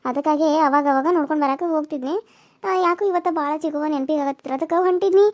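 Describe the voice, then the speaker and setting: A woman's voice: high-pitched, racing, no room sound, close to an everyday voice. A woman voicing a caring older village woman in a cartoon serial, who consoles and lectures firmly. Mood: reflective.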